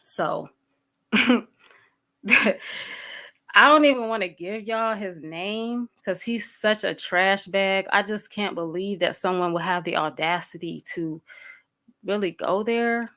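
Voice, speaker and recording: A woman in her thirties hosts a casual livestream, talking directly to her chat and greeting viewers by name. Her medium-pitched voice is bright and forceful, slow, with frequent pauses, while she stays blunt, fired up, and profane, full of fillers.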